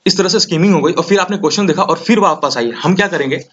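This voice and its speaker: A young man tutoring exam students in a casual, energetic way, often checking in with "theek hai". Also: high-pitched, fast talker, a little hiss or hum. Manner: energetic, repeats "ठीक है" often. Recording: slightly dull lo-fi audio.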